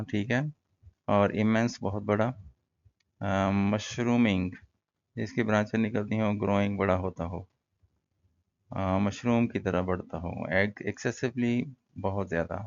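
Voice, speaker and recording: A man teaching an English lesson in a relaxed, conversational way, explaining words and pausing often with fillers. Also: fairly low pitch, vocal fry, muffled recording. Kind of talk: casual classroom-style lesson.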